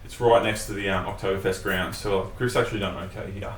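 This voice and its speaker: A young Australian man with a lowish voice recounts a trip, filling the pauses with ums and the odd swear. The room sounds echoey, with the mic a little way off and a faint hiss underneath. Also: distant mic. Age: young adult. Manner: relaxed storyteller, swears, hesitant fillers. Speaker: guest. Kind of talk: casual chat, storytelling.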